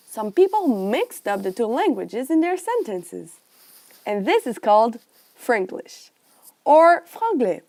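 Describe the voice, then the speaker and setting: A woman reading a prepared class presentation aloud as a student presenter, careful and measured. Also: on the high side, a little mellow.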